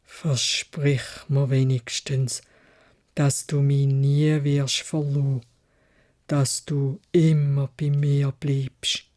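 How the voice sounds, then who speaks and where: A woman storyteller voicing a lonely, gentle male beast who begs slowly, with a Swiss German accent. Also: rumbling low, level tone, dry recording, clean studio sound, voice pushed down, exaggerated voice. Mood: pleading. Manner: slow, begging plea.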